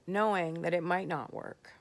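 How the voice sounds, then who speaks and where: Tired gravelly woman vlogging late. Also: fairly low pitch. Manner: candid, rambling, with soft pauses. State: tired, slurring words. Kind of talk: late-night personal vlog.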